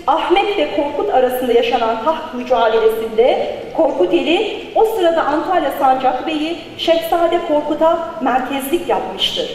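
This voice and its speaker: A woman speaking at a podium microphone at a conference, reading a prepared academic paper in a formal, measured way. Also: high voice, darkish tone, a little hiss or hum. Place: conference hall. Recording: very echoey large hall.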